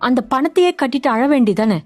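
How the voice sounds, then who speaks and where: A woman voicing a defiant young daughter in a story, with a sharp, scolding way of talking. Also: high-pitched, lively intonation, brisk, dry recording. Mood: furious. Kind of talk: audio drama reading.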